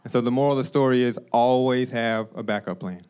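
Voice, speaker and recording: A young man preaching a sermon to his congregation, telling a story and then slowing down to stress the key phrases. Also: mid-range voice, fairly even intonation, a little mellow, clear, resonant tone. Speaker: preacher, ministry director.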